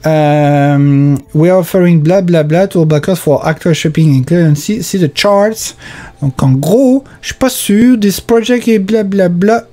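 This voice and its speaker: A young man with a Quebec French accent hosts a casual board game news segment. His voice is dark and mellow. He rambles in a chatty way, slipping English terms into his French and joking about himself. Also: high-pitched, unhurried. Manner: chatty, mixes English terms, self-mocking asides. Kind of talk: casual screen-share commentary.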